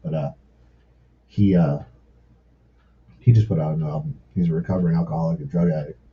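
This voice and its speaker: A man telling stories in a casual podcast chat, excitable and full of swearing. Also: very deep voice, a little fast, a little hiss or hum. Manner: profane, excitable storyteller. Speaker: podcast guest. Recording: muffled lo-fi podcast audio.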